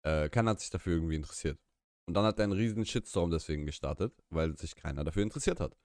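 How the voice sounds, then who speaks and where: A young Russian-native co-host races through a casual podcast chat on a live stream from a small room, rambling and opinionated with many restarts and self-corrections. His low-pitched, slightly mellow voice has lively intonation, and the studio-quality audio has no room sound.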